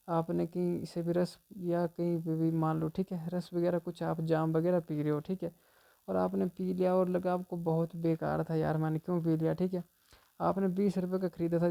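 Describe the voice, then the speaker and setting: A man's voice: a little high, gravelly, mellow. A man teaching memory tricks for exam prep in a chatty, informal way, tacking "theek hai" onto almost every line. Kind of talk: explaining memory tricks to students.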